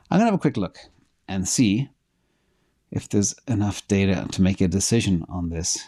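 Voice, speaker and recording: Answering questions from viewers on a casual livestream, a middle-aged host thinks out loud, using fillers while looking over data. He's losing his voice, which is lowish and warm with vocal fry.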